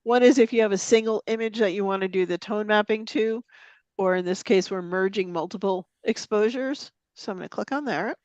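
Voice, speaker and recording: A woman with a brisk, mid-range, darkish voice that sounds clear and resonant leads a live photo editing software demonstration, with no room sound but a lo-fi quality. Chatty and casual, she laughs easily, says "um" a lot, and sniffles a little from a slight cold, in a meeting room or online forum.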